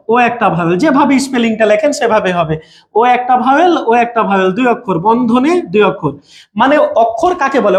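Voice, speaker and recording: A man's voice: extremely high pitch, echoey room. A man, teaching an exam-prep class online and repeating each point for his students.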